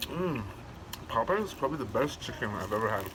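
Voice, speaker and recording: A man's voice: medium pitch, big pitch swings, fairly quick, background noise. A man chatting casually to camera as a mukbang host while eating crunchy fried chicken, smacking and savoring with little mms.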